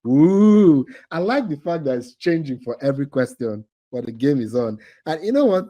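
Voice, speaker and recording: A man's voice: a little high, sing-song, normal speed, warm tone, muffled recording. A man hosting a live online quiz for a training cohort over a video call, teasing the players and laughing often.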